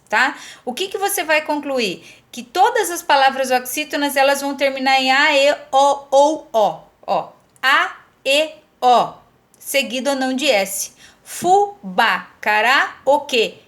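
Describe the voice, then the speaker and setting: A Brazilian woman with a high, bright voice teaches a lesson at an unhurried pace. She explains each step patiently and keeps checking in with the listener as she goes. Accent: Brazilian Portuguese. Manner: patient, repeats "tá?" to check understanding. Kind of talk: recorded classroom lesson.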